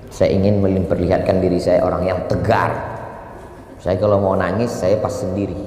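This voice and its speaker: Preacher in a reverberant hall. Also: male voice, gravelly, a little hiss or hum. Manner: animated storyteller, jumps to high voice for quotes. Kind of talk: sermon. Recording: reverberant hall with faint ambience.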